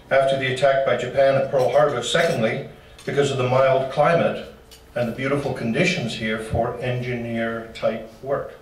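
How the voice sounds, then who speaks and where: A local history presenter with a medium-pitched voice gives a slide-show talk to a club in a meeting room, folksy and dropping joking asides. The roomy hall is recorded from far off, with a little hiss or hum.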